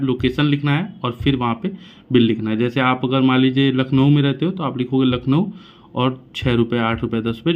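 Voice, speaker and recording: Man explaining a test, slightly muffled. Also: medium pitch. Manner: addresses viewers directly, explains numbers step by step. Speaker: tech channel host. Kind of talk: casual explainer vlog. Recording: slightly dull with faint noise.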